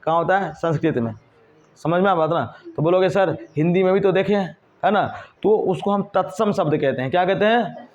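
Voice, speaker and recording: High-voiced man teaching grammar, lo-fi. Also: fairly quick. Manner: repeats questions to the class and answers them himself. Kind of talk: whiteboard grammar lesson. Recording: dull lo-fi recording.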